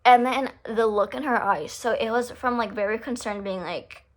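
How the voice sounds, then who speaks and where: Animated young woman ranting a story. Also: fairly high pitch, normal speed. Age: young adult. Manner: animated, swears freely, acts out quotes. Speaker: vlogger. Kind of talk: casual storytime rant.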